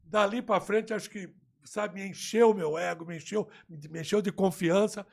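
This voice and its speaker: A Brazilian man, a football coach, tells a story from his career in an animated, conversational way, slipping into the voices of the people he quotes. His voice is gravelly and raspy with fry. It sits somewhat high for a man. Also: normal speed. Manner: lively, acts out remembered dialogue.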